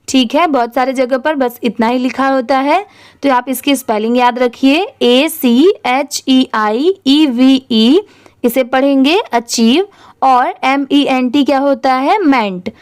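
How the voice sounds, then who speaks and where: Woman teacher, high voice, smooth and clear, spells words letter by letter, unhurried. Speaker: English teacher. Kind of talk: spelling and reading lesson.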